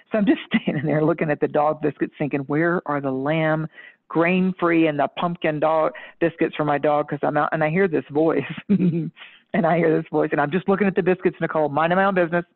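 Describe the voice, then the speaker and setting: Animated woman storyteller on a tinny phone line. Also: low voice. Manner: lively, emphatic storyteller who laughs mid-story. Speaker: guest astrologer and psychic. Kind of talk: animated anecdote-telling in casual chat. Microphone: phone or call line.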